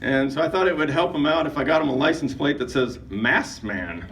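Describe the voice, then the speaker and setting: A man's voice: a little high, brisk, distant mic, crowd noise. A man giving a humorous roast speech at a retirement party, a joking storyteller who builds each story up to a punchline.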